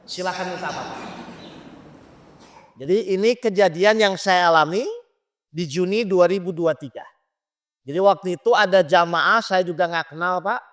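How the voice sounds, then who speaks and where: Male preacher, sermon in a mosque, high pitch, keeps questioning the listeners. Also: normal speed, long pauses, fairly bright tone. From Indonesia. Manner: addresses listeners directly with questions.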